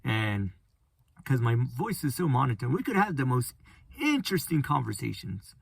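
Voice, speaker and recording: A man hosting a casual solo podcast, speaking in a flat, monotone voice and rambling with frequent restarts. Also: medium pitch, normal speed, gravelly, breathy edge, no room sound. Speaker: podcast host.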